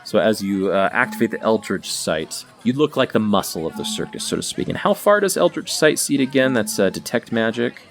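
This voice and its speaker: A man's voice: lowish voice, big pitch swings, fairly quick, creaky, few pauses, soft background music. A man improvising narration as game master of a tabletop role-playing game.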